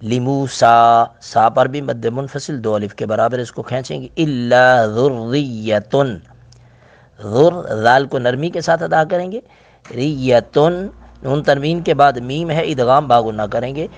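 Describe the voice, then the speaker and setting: A middle-aged man teaching a recitation lesson, explaining pronunciation rules plainly and then chanting verses in a slow, drawn-out way. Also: medium pitch, vocal fry, dull audio.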